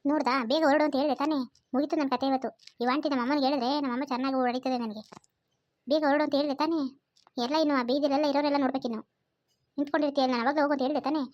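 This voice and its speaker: A woman voicing a young female college student who pleads and scolds in rapid bursts. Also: sits high, steady tone, a little mellow, no echo, lo-fi sound, natural voice. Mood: panicked.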